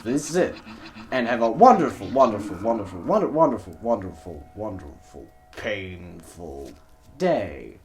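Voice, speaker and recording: A man's voice: fairly low pitch, very animated, measured pace, slight background noise. A man voicing a cheerful corporate intercom announcement that stutters and repeats words like a glitch. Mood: chipper.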